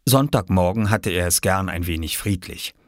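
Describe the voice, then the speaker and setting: A man reading a children's story aloud, with a lively, widely swinging voice. The sound is dry and close with no room to it. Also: sits low, normal speed, dry recording. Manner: expressive storyteller. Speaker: narrator.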